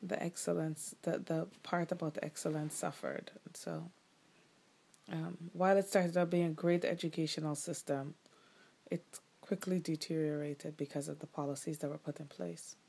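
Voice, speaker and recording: The speaker, a middle-aged woman from Guyana, is the host's mother, interviewed casually by her child. Her deep, dark voice stays steady at a moderate pace with some vocal fry, and she answers thoughtfully with plenty of ums and restarts.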